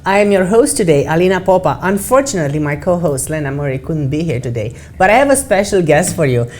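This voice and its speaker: A woman's voice: on the low side, expressive, fast talker, darkish tone. A woman hosting a talk show interview in a studio, upbeat and often tagging her questions with "right?". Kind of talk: hosted interview.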